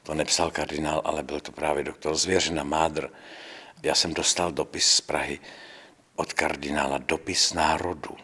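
An older male priest tells his story with a deep, husky voice. He speaks with calm conviction, slipping into the voices of the people he quotes. It sounds like an interview. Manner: storytelling, acts out quoted dialogue. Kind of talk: recounting memories in an interview.

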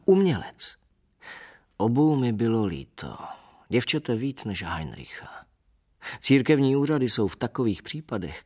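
A man narrating a novel in the first person, measured and wry with a bitter undertone. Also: lowish voice, a little mellow. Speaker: audiobook narrator.

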